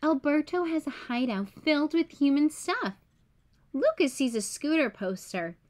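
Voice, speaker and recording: A woman storyteller reads a children's picture book a little slowly, her voice high. The delivery stays clear, uncomplicated and expressive.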